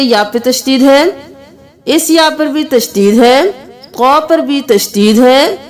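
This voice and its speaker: Slow, high-voiced woman teaching recitation. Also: darkish tone. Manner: slow, patient spelling of letters, breaking into melodic chanting for verses. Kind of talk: step-by-step tajweed lesson with chanted recitation.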